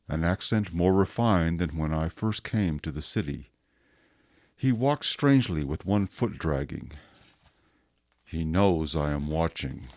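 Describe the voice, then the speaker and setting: In a radio drama, an actor plays a stern, suspicious police inspector reading his journal entries. His deep voice has a measured, clipped delivery, and there is no room sound.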